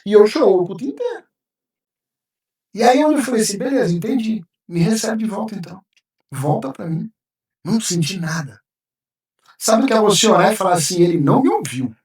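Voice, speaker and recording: A man's voice: high voice, very animated, brisk, a little mellow. A man, a pastor giving an emotional personal testimony as a podcast guest, acting out what he once said. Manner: emotional, vivid storytelling, acting out his own past words. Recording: roomy sound, mic at a distance.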